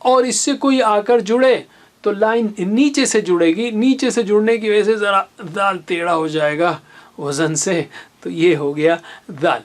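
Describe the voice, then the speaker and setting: A teacher giving a recorded reading lesson, who talks slowly and patiently and carefully repeats each Arabic letter sound for the learner. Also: mid-range voice, steady tone. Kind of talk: recorded lesson with memory stories.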